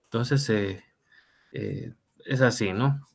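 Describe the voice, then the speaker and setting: A man's voice: medium pitch, takes it slowly. A middle-aged man teaching an online law class, talking conversationally with fillers and tag questions. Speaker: law lecturer.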